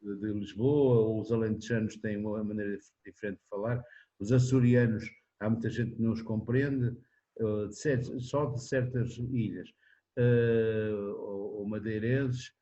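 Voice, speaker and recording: An older man in his seventies speaking with a European Portuguese accent. His voice is dark and mellow, and he rambles in a loose, easy way, restarting phrases and tagging questions onto the ends. The recording sounds dull and lo-fi. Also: lowish voice, fairly even intonation, measured pace. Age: 70s. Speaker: interviewee, singer-songwriter. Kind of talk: relaxed conversational interview.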